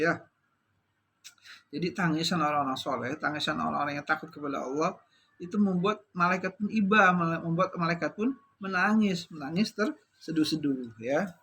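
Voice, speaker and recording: A man preaching a sermon, telling stories with lively drama and dropping short "ya" tags between phrases. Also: on the high side, creaky, a little hiss or hum. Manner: lively storyteller, acting out the characters he tells about.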